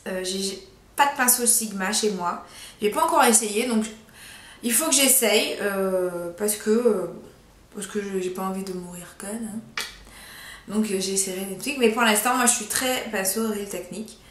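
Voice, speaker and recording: A young woman chatting casually in a haul video, giggly and chatty, dropping into soft asides. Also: medium pitch, normal speed. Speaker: beauty vlogger. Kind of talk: casual haul vlog chat. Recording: echoey room.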